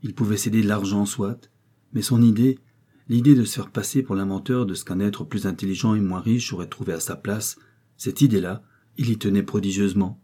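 A man narrating a classic novel as an audiobook in a measured, even way. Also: fairly low pitch, breathy edge.

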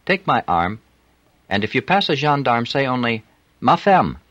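A man's voice: medium pitch, big pitch swings, moderate pace, fairly bright tone, no echo, muffled recording, pitched above the performer's own voice. Man doing a flirty French streetwalker. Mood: coaxing. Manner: teasing, coaxing, broken English.

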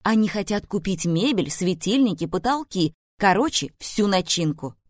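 A woman reading an audiobook voices an excitable, eccentric older mother-in-law with loud, exclamatory, bubbly lines. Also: mid-range voice, normal speed, no echo, studio quality, natural voice. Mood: excited.

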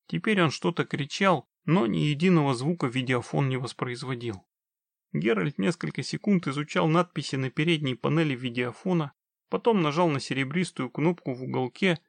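A man narrating an audiobook in a steady, measured storytelling manner. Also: medium pitch, vocal fry, no echo.

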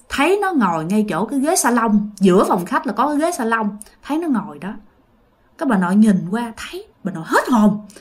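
Female storyteller, high and animated, chatty ghost tale. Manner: animated, addresses listeners directly. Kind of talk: casual ghost story narration.

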